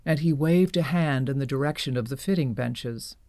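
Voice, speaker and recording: A woman narrating an audio drama in a measured storytelling manner. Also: a bass voice, warm tone, no room sound, clean studio sound.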